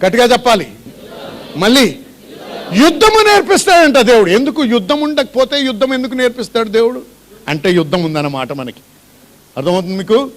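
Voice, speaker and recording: A man's voice: very high voice, big pitch swings, brisk, long pauses. A male pastor preaching a sermon in a church, asking repeated questions and calling on the congregation to respond.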